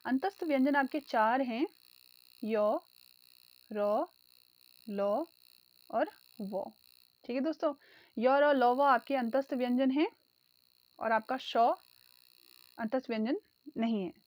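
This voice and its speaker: Woman exam tutor, high pitch, dry close sound, drills answers. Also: fairly even intonation, normal speed, long pauses, a little mellow, dry recording. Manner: addresses viewers as friends, repeats key answers. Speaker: exam prep teacher. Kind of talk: online exam-prep lesson.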